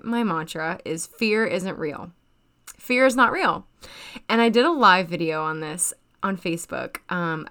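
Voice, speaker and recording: A woman's voice: mid-range voice, fairly bright tone. A young woman hosting a casual solo podcast, bubbly and chatty and laughing often. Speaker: podcast host.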